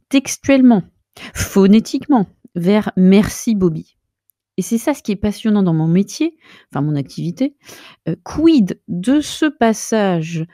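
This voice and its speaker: A woman with a mellow, mid-range voice delivers a pompous mock-academic lecture as a self-styled linguistics researcher, addressing the viewer directly and heaping on lofty jargon until she gets carried away. It's a comic monologue, recorded in studio quality with no room sound.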